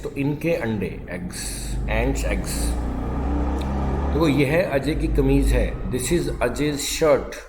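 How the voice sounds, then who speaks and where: A man's voice: mid-range voice, a little mellow, slight background noise. Man teaching English in an echoey room. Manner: dictates English phrases slowly, explains quickly in Hindi. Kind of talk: classroom grammar lesson. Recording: echoey room with long reverb.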